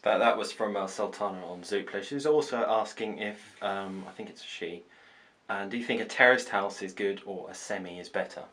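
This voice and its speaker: A man's voice: fairly low pitch, a little fast, a bit bright. A man reading out viewer questions off camera, brief and matter-of-fact.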